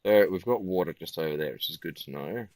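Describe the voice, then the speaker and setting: A tired man giving casual gameplay commentary in a flat, musing way. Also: low-pitched, quick pace, no room sound. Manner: self-described monotone, relaxed and musing.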